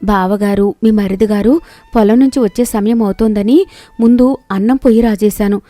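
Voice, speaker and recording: A woman voicing a meek young wife who speaks softly and deferentially. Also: medium pitch, fairly even intonation, moderate pace, no room sound, close to an everyday voice. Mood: humble. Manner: soft, deferential.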